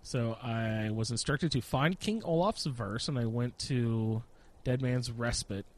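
Sniffling slightly with a cold, a gamer offers casual, wandering commentary on his own playthrough, poking fun at himself along the way. He speaks a little slowly in a medium-pitched voice.

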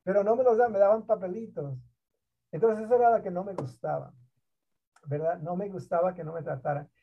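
A middle-aged man from Mexico, a guest on a talk program, telling his story in an animated, emphatic way and dropping in English words. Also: high-pitched, a little fast, creaky, a little hiss or hum. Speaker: guest, school district program director. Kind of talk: conversational interview storytelling. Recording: dull lo-fi online call audio.

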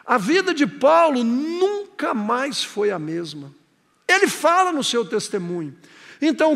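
A male preacher with a Brazilian Portuguese accent and a very high, gravelly voice. He drops to near-whispered prayer, then rises to loud, urgent calls to his congregation. His voice rings with the long reverb of a large church hall. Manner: swings between hushed prayer and shouted exhortation. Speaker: pastor. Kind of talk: sermon.

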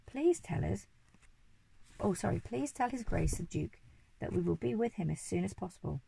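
A woman voicing a polite, gentle giraffe. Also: on the low side, expressive, normal speed, creaky, a little hiss or hum, low-quality recording.

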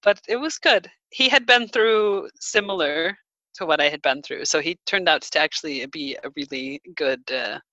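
A woman in her thirties tells a personal story in an animated, chatty way, full of fillers and quick laughs. Her voice sits a bit low but sounds bright and forceful, recorded dry and close. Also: no room sound, dull audio. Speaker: guest telling a personal story. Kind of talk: casual storytelling.

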